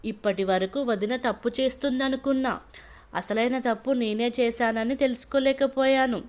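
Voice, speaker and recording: A woman storyteller voicing a gentle young wife who speaks in a soft, pleading, sorrowful way, in a storybook reading. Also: a little high, fairly even intonation, moderate pace, natural voice. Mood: remorseful.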